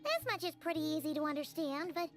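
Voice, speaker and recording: A woman voicing a small, curious game companion with a very high, bouncy voice who asks questions. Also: fast talker, natural voice. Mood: puzzled. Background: game music.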